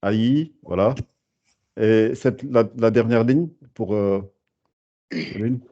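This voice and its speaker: A man teaching a beginner lesson over a video call, patient, hesitant and full of fillers, drawing out syllables slowly. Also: fairly low pitch, warm tone, highs cut off. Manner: hesitant, many fillers and restarts. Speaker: Arabic teacher.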